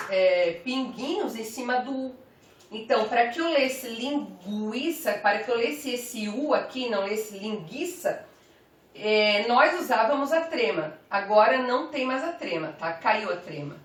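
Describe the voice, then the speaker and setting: A woman teacher giving a grammar lesson, carefully saying one example word after another. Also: fairly high pitch. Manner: slow, careful, spells out each example word. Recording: roomy, from some distance off the mic.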